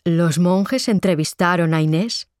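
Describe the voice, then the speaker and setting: A woman's voice: on the low side, unhurried, darkish tone, dry recording, clean studio sound, close to an everyday voice. A woman voicing a stern, stubborn middle-aged male priest in a read-aloud story, speaking firmly and solemnly. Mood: serious.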